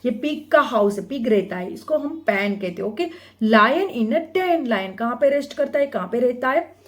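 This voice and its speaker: A woman teacher explaining an English textbook lesson, reading the English lines slowly and asking and answering her own questions. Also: a little high, animated.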